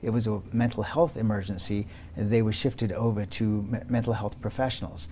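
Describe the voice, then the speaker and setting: Low, mellow male interview host. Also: steady tone, fairly quick, a little hiss or hum. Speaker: political interview show host. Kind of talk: broadcast interview.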